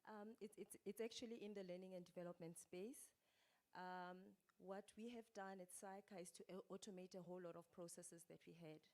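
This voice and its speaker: A woman speaking as a panelist for an accounting body, explaining in a measured way. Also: lowish voice, steady tone, a little mellow. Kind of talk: panel discussion.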